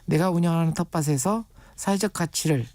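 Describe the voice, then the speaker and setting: A man's voice: on the high side, brisk, darkish tone, no room sound. A man on a radio show, a guest expert on urban farming, explaining patiently with everyday comparisons. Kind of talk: radio interview.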